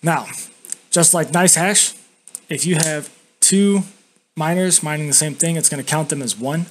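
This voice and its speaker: A man's voice: a little high, normal speed. Blunt man talking with a lip full of dip. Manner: blunt, casual, frequently swearing. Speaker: YouTube reviewer. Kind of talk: casual screen-recorded software review. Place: indoors at a home computer. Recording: constant background noise.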